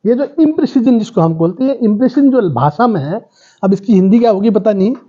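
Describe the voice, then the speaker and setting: A man's voice: high voice, lively intonation, fast. A man professor giving a university lecture, explaining ideas through everyday examples and checking in with his listeners. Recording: dull lo-fi lecture recording.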